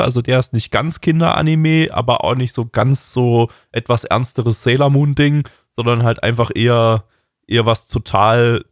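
A man's voice: mid-range voice, dry recording, studio quality. A man co-hosting a podcast in casual chat, rambling with many fillers and restarts. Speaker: podcast co-host.

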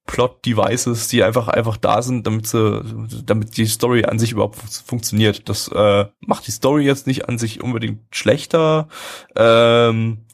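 A man with a mid-range voice chats casually on a live stream about anime. He talks his way through an argument with hesitation, circling back to restate his point, as a laid-back debate host. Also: medium pitch.

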